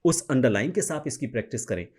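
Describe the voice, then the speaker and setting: A man giving a pronunciation lesson, speaking slowly and carefully and showing each sound himself. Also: mid-range voice, animated, darkish tone, breathy edge. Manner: slow, careful, demonstrates sounds. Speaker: teacher of pronunciation. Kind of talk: spoken tutorial to camera.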